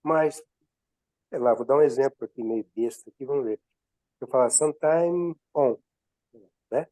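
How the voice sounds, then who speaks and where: A man's voice: medium pitch, moderate pace, mellow, no room sound, low-quality recording. A man asking tentative questions as a student in an online class. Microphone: computer mic on video call.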